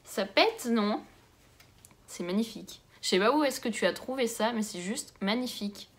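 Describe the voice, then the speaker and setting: A young woman chatting casually as she unboxes a book swap, gushing over each gift and muttering softly to herself in between. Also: fairly high pitch, expressive, moderate pace. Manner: gushing, exclamatory. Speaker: book vlogger.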